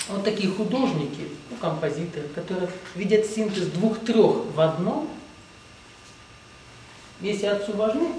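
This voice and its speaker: This spiritual teacher's voice is high yet dark in tone, with slight background noise, and the distant mic picks up an echoey room. He rambles emphatically through his lecture, leaning again and again on "ну, допустим" ("well, let's say").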